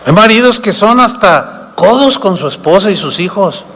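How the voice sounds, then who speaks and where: A man's voice: high voice, expressive, normal speed, a bit bright. A man preaching a sermon as pastor, posing rhetorical questions and acting out little dialogues. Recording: long reverb of a large hall.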